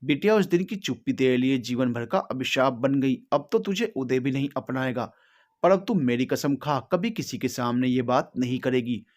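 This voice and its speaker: A man's voice: medium pitch, animated, normal speed, darkish tone, lightly acted. A man voicing a worried older village mother who pleads and scolds. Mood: scolding.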